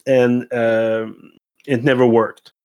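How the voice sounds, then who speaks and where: Halting man chatting on a podcast. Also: medium pitch, flat delivery, a little mellow, clean tone. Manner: halting, thinks aloud with frequent pauses. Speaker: podcast co-host. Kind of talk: casual chat.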